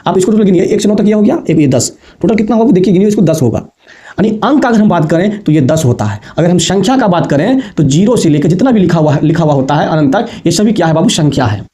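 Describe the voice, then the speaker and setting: A man's voice: high voice, expressive, quick pace, warm tone. A man teaching a basic maths lesson to students, repeating points patiently and calling them affectionately. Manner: repetitive, addresses students as babu and bachchon.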